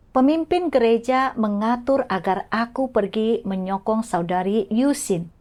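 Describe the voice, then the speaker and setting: A woman reading a faith testimony aloud as scripted devotional narration, in a slow, measured and even manner. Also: mid-range voice.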